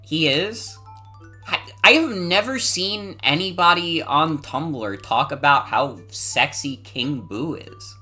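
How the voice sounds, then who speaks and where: Animated, bright-voiced game streamer of ambiguous gender. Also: mid-range voice, takes it slowly, soft background music. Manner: animated, exclamatory, casual swearing. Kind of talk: casual live-stream chat and game commentary.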